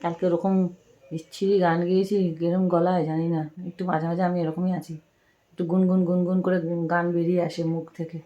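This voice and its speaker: A middle-aged woman speaks in a slightly low voice. She chats with her viewers in a confiding way and often repeats herself. She talks at home to a camera set some distance away. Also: level tone, a little fast, mellow, muffled recording. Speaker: lifestyle vlogger. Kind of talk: casual chat to viewers. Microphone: camera set far away.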